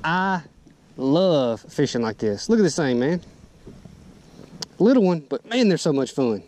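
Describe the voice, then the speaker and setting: Man, folksy and excited, slightly high voice, outdoor noise, action camera. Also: measured pace. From Southern US. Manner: excited, folksy, talks to viewers. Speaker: fishing vlogger. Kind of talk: casual fishing commentary. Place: outdoors on a boat and bank, wind and water.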